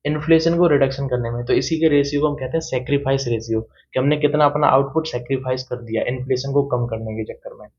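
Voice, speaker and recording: A young man tutoring economics for exams, explaining in Hindi and reading English points slowly, with frequent "theek hai" checks. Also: medium pitch, fairly even intonation, a little mellow. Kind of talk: exam-prep lecture. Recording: dull lo-fi sound.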